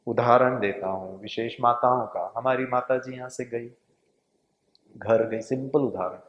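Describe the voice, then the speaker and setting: A man giving a lively spiritual lecture to an audience, telling stories with humor and asking the audience questions. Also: mid-range voice, a little slow. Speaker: spiritual speaker. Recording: echoey hall, dull lo-fi sound.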